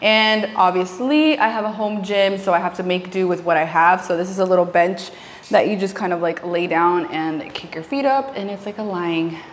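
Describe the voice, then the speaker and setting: A young woman in her twenties vlogs casually to camera from her small home gym, chatty and giggly and slipping in Spanish phrases. She's wearing a lapel mic; her lowish voice moves at normal speed in an echoey room with slight background noise.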